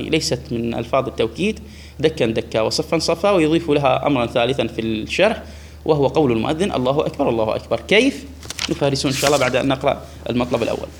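A man's voice: medium pitch, a little hiss or hum. A man teaching a grammar lesson to a class, repeating key words and putting questions to his students. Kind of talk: classroom lesson explaining a text.

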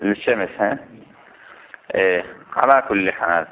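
A man's voice: deep voice, normal speed, very noisy. Male religious teacher, patient explainer who quizzes students; thin lo-fi phone-like sound. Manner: explains step by step, poses questions to the class. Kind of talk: classroom lesson on Quran recitation rules. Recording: tinny phone-like lo-fi recording.

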